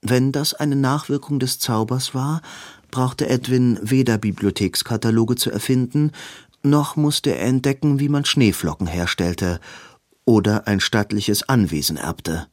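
A man reading a novel aloud as an audiobook narrator, in a slow, even reading. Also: medium pitch, no echo, clean studio sound. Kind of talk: scripted narration.

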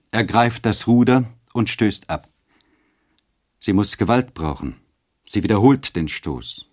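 A man narrating a classic novel as an audiobook, measured and expressive. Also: low-pitched.

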